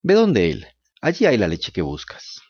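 A man voicing a wise talking cricket who gives calm, moralizing lessons in a storybook reading. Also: lowish voice, moderate pace, slightly rough, dry recording, highs cut off, full character voice. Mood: lecturing.

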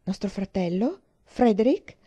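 A woman reading an audiobook voices a kind young woman who asks gentle, concerned questions. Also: mid-range voice, expressive, a little slow.

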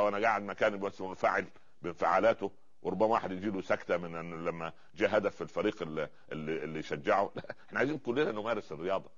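Fast-talking Egyptian preacher, low voice. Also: male voice, lo-fi sound. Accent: Egyptian Arabic. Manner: rhetorical questions, fills gaps with drawn-out pauses. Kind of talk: religious lecture.

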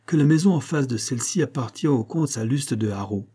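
A man's voice: mid-range voice, lively intonation, brisk, dark tone, slightly rough. A man voicing a poor, secretive old woman who eagerly confides what she has seen, in an audiobook reading. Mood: confiding.

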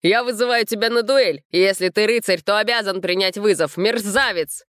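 A hot-headed young knight shouts in raised, impassioned bursts, as a woman reading the story puts him on. The voice lifts high and loud above her usual reading. It is a storybook figure in an audiobook. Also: normal speed, no room sound, clean studio sound, lightly acted.

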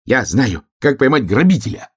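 A man's voice: medium pitch, normal speed, breathy edge, dry recording, clean studio sound, voice pushed up. A man voicing an eager young hare from a storybook who keeps correcting his friends. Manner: excited, correcting others.

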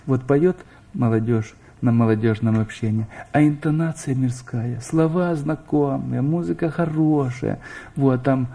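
A middle-aged man gives a sermon, asking his listeners questions directly and pushing his emphasis higher. He speaks at a measured pace in a dark, medium-pitched voice with vocal fry.

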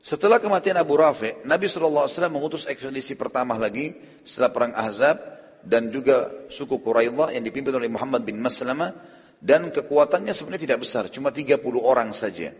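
Husky male preacher in a hall. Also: mid-range voice, fast. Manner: animated storyteller, acts out quoted speech. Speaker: Islamic preacher. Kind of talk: sermon-style storytelling lecture. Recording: lo-fi hall recording.

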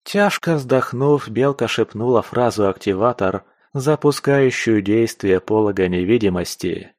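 A man's voice: on the low side, a little slow, a little mellow, no echo. Man reading a story, dry close sound. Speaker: audiobook narrator. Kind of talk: scripted narration.

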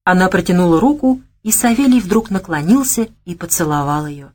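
Low-voiced woman reading an audiobook. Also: lively intonation, fairly quick, a little mellow. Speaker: audiobook narrator. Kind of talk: scripted narration.

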